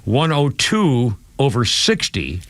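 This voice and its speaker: Slow and fairly bright, with a medium pitch and huge swings in intonation, an older man from New England tells stories on his radio talk show. Speaking into a studio microphone, he chats casually and rambles, restarting often and laughing a lot.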